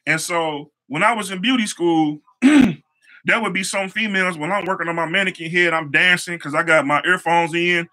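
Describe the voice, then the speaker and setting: A young man with a high, very bright and sharp voice tells stories from his life as a motivational talk. He speaks casually, circles back on his phrases and drops easygoing slang. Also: normal speed. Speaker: show host, hair stylist.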